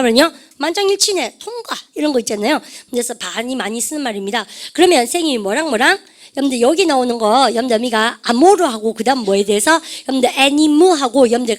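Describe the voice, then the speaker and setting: A woman teaching English vocabulary to a class, lively and chatty, often calling out to her students and drilling English words aloud. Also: on the high side. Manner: lively, repeats "여러분들", asks the class questions; refers to herself as "쌤". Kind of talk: lecture to a class.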